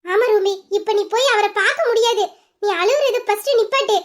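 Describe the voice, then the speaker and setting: A woman voicing a young female friend who gently reasons with and soothes a crying girl in an audio drama. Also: very high-pitched, a little fast. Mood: consoling.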